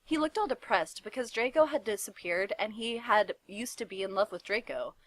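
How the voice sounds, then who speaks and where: Woman reader, deadpan mock-drama, middle pitch, dry close mic. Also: normal speed, dry recording. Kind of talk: dramatic reading of fanfiction.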